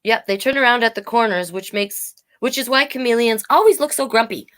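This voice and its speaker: Brisk and a little bright, her higher-pitched voice carries a children's picture book at storytime. The host reads with playful expression and drops in chatty explanatory asides for young listeners.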